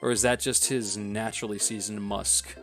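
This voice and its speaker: A man's voice: on the low side, little pitch movement, normal speed, fairly bright tone. A man hosting a let's play, reading a dating game aloud with wry, self-deprecating asides. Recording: faint background game music.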